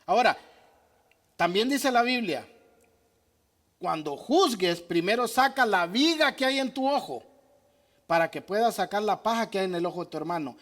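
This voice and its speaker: A man's voice: high voice, expressive, normal speed, pauses often, fairly bright tone. A man preaching as pastor, answering questions from the congregation in an emphatic way that asks and answers his own questions. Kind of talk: sermon with audience questions.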